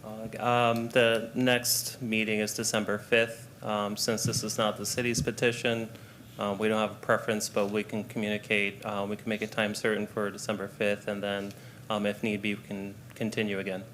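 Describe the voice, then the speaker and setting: A man on city staff gives a short report at a board meeting in a council chamber. His voice sits low and barely moves in pitch, and he hesitates often with ums. Faint room noise runs behind him. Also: level tone, moderate pace, fairly bright tone.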